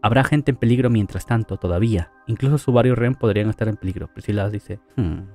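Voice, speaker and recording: A man with a lowish, mellow voice recaps an anime plot in a loose, chatty way, slipping into the characters' lines and adding little asides. Faint music plays behind him. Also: quick pace. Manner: chatty, adds asides and fillers. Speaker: anime story recap narrator. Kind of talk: casual story retelling with quoted dialogue.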